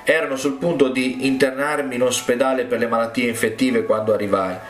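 A man's voice: mid-range voice, fairly even intonation, brisk. Man preaching in an echoey room. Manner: emphatic storytelling, rising to stress points. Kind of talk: sermon.

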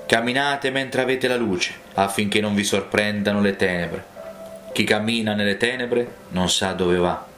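Jesus, a calm, solemn teacher read by a man. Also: lowish voice, normal speed, lightly acted. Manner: solemn, earnest. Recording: roomy, with faint music.

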